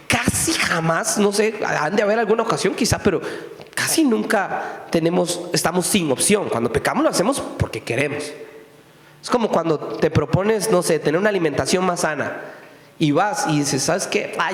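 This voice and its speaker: A man preaching a sermon in a conversational way, firing off rhetorical questions at his listeners. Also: high-pitched. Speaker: pastor. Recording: echoey hall with long reverb.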